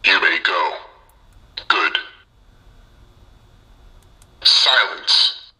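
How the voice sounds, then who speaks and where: A man's voice: deep voice, animated, extremely slow, pushed and bright, exaggerated voice. An actor playing a cold, commanding masked male villain, heard through a mask voice changer played back from a soundboard. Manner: clipped, menacing canned phrases.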